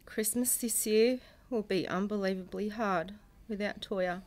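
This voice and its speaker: A middle-aged woman, a bereaved mother reading a prepared personal statement in a solemn, measured way, in grief. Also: mid-range voice, a little mellow. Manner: solemn, measured delivery in short phrases. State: grieving.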